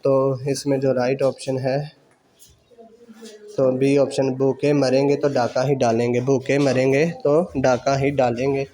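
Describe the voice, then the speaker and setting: Man drilling quiz answers, flat delivery. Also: medium pitch. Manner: repeats each question and answer slowly for dictation; mixes English exam terms into his speech. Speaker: exam prep teacher.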